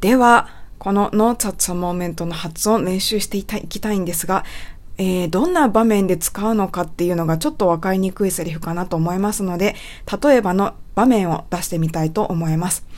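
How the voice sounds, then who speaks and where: Polite woman teaching english pronunciation, patient, slows way down for the example phrases. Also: fairly low pitch, a little mellow. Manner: polite, patient explaining with slowed English demonstrations. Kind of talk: spoken lesson.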